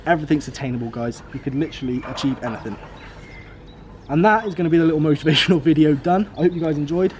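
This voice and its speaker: This is a UK vlogger in his twenties with a British English accent, standing outside next to a car. He talks fast in a slightly high, slightly mellow voice, giving cheerful, laid-back motivation and going back over his main figures, with a bit of hiss or hum in the audio.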